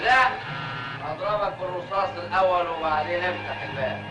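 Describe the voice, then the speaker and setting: A man's voice: sits high, fairly even intonation, fairly quick, dull audio, close to an everyday voice. An actor with an Egyptian accent playing a blustering, jittery drunk out to prove his bravery, in classic film comedy style. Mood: threatening, agitated. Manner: theatrical, boastful.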